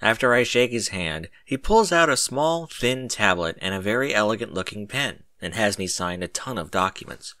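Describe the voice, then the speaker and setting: Speaking in the first person, a man tells a story with dramatic flair, his fairly low, bright voice swinging lively in pitch. He keeps a moderate pace with few pauses, and the recording is dry and close with no echo.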